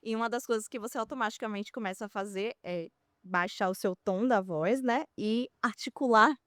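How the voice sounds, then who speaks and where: A Brazilian woman speech therapist who is a podcast guest, explaining voice technique in a measured, teaching manner with some hesitant fillers. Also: mid-range voice, a bit bright, no echo, clean studio sound. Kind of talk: explanatory interview answers.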